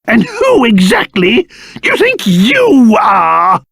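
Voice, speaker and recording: A man voicing a pompous, excitable old cursed king in a video game, with a British accent and old-fashioned, theatrical speech. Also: very high-pitched, takes it slowly, creaky, slightly rough, no echo, heavily acted. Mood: haughty, outraged. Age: older. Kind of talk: video game character voice acting.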